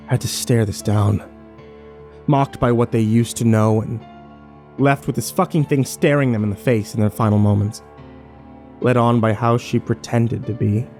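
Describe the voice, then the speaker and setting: A man with a mellow, mid-range voice plays a shaken, bitter survivor recounting his own story in a grim horror audio drama. His acting is light, and music plays beneath his voice.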